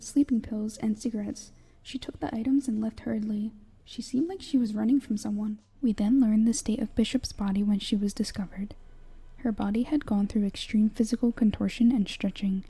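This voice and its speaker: In a soft, breathy whisper, a young woman with a slightly high voice narrates a scripted horror breakdown at a measured pace, much like ASMR storytelling. Her tone is very mellow and muted, and her husky voice crackles lightly.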